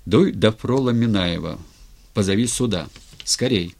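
A man's voice: lowish voice, measured pace, creaky, darkish tone. A man reading a furious, commanding Cossack chief in an audiobook, with curt, demanding questions. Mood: harsh, demanding.

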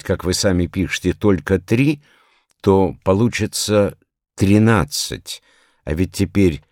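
A man voicing a shy female newspaper editor who corrects someone hesitantly, with small pauses. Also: sits low, darkish tone, no room sound, studio quality, pitched above the performer's own voice. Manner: timid, hesitant.

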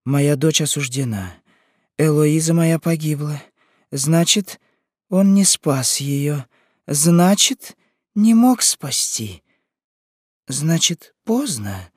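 A man's voice: fairly high pitch, expressive, takes it slowly, pauses often, dry recording, clean studio sound. A man reading an audiobook, voicing a frantic grieving old mother who shrieks and accuses. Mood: desperate. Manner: shrieking, accusing, sobbing outbursts. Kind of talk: audiobook character voice.

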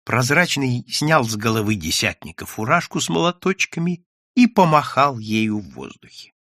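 A man reading an audiobook story aloud in an expressive, dramatic way. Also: medium pitch, no echo, studio quality. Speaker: audiobook reader.

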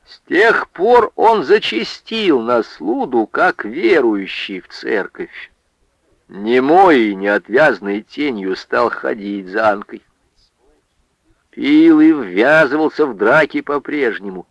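A man narrating a literary story for radio in a measured, expressive way. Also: mid-range voice, no echo, highs cut off.

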